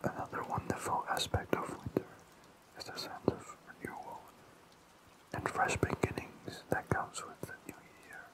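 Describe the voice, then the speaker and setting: An ASMR host rambling calmly in a fully unvoiced, slow and soothing whisper. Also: poor audio.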